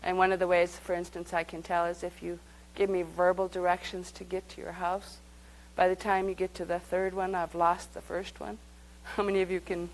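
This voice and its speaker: A woman's voice: fairly low pitch, little pitch movement, normal speed, few pauses, rough recording. A woman leading a live workshop, speaking conversationally and guiding the group through exercises. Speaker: workshop teacher.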